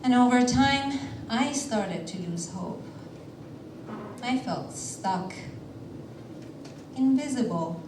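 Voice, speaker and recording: A woman from Iran telling a personal story on a theater stage in a measured way, with deliberate pauses. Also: a little high, background noise. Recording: roomy theater sound from a distance.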